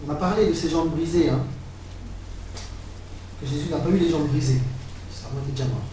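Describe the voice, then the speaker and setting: A man preaching a sermon, animated and building to excited exclamations. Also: a little high, a little fast, slight background noise. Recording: echoey hall, voice from far off.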